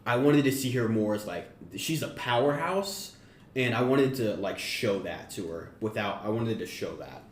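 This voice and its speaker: A man co-hosting a podcast, pitching a story idea in a meandering, self-correcting casual chat. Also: moderate pace. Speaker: podcast co-host. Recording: roomy echo, faint background noise.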